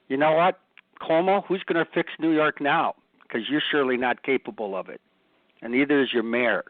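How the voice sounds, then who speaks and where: A man's voice: medium pitch, no room sound. Man, ministry co-host, blunt, fervent, dry sound, phone-like line. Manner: blunt, rising to fervent emphasis. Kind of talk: impassioned radio commentary.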